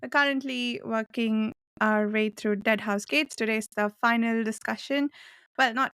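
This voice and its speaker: A woman's voice: fairly high pitch, fairly even intonation, measured pace, a bit bright, smooth, no room sound. A woman hosting a casual book discussion podcast. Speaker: podcast host.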